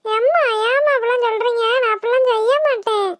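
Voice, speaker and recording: A woman's voice: fairly quick, dry recording, clean studio sound. A woman voicing a sweet young village girl in a cartoon, who talks in an earnest, pleading way and is devoted to her parents. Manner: pleading, earnest, high squeaky voice. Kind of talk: cartoon voice acting.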